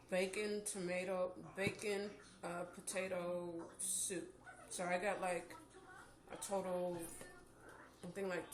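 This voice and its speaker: A tired woman recovering from surgery, casually giving practical advice to viewers in a vlog. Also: fairly low pitch. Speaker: vlogger sharing her jaw surgery recovery. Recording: echoey room with clear background noise.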